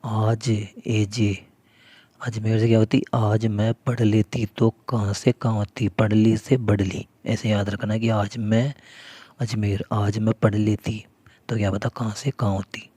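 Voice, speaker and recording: A man's voice: lowish voice, little pitch movement, unhurried, mellow, breathy edge, dry recording. A man teaching memory tricks for an exam, who keeps asking questions and answering them himself while calling viewers his friends. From Rajasthan, India. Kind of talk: mnemonic lesson explaining.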